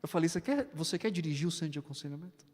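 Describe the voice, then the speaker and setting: A Brazilian man in his thirties preaching from a church pulpit, animated and storytelling as he voices his family members. His voice sits a little high for a man, and a long church-hall reverb trails every phrase. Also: rapid-fire, background noise. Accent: Brazilian Portuguese. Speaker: pastor. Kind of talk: sermon with personal anecdotes. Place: church sanctuary, indoors.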